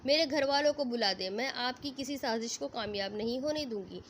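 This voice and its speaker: A woman's voice: high voice, a little hiss or hum, natural voice. A woman voicing a panicked young bride who screams and pleads in terror. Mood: frantic.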